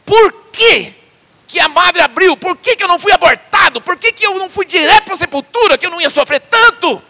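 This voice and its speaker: A man voicing Job, a suffering man crying out bitterly and pleading for an answer, in a high strained voice. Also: animated, fairly quick, bright, forceful tone, in a large hall, exaggerated voice. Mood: anguished.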